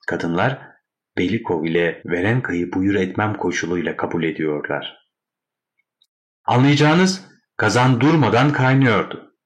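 A man narrating a classic short story in a measured, wry storytelling manner. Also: deep voice.

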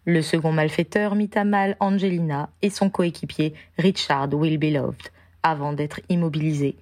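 Female audiobook narrator, measured and even, low pitched, warm dry tone. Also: no room sound. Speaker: audiobook reader. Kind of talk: storybook narration.

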